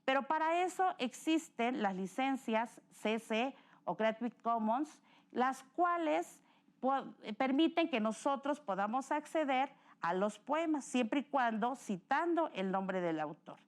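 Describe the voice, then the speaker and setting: A woman's voice: sits high, expressive, a little slow. A woman with a Mexican accent teaching a recorded lesson, explaining patiently and correcting herself as she goes.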